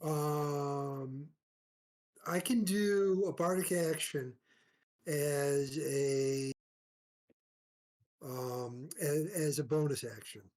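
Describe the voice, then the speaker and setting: Unhurried, hesitant player, mid-pitched, stop-start phrasing. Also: darkish tone. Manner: halting, many fillers. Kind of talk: casual game talk.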